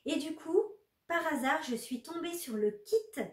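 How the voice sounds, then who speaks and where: A woman's voice: high-pitched, lively intonation, a little slow, echoey room. A woman chatting casually with viewers in a knitting vlog, full of fillers and restarts. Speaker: knitting podcaster.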